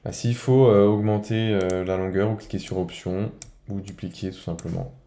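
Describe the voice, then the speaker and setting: A man from France, giving a casual improvised software tutorial and thinking aloud step by step. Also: deep voice, steady tone, moderate pace, reverberant. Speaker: video editing tutorial presenter.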